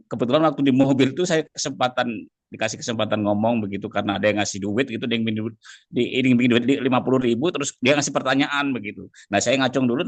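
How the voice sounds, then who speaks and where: A man recounts an experience in a rambling, heartfelt way. He keeps circling back with small filler tags. His mid-pitched voice is recorded dry and close, with no room around it. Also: dry recording. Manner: earnest, rambling, repeats words with filler tags like "gitu loh, Pak". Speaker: participant sharing a personal story. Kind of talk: casual heartfelt testimony in a group call.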